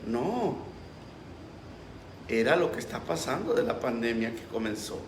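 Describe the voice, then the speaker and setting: A man's voice: mid-range voice, big pitch swings, unhurried, a little hiss or hum. A pastor preaching a sermon with passion, acting out the voices he quotes. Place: church. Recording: roomy echo.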